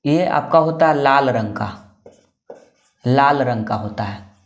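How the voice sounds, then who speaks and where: A man's voice: medium pitch, slow. Repetitive maths teacher, man. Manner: repetitive, asks and answers own questions. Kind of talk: casual classroom explanation.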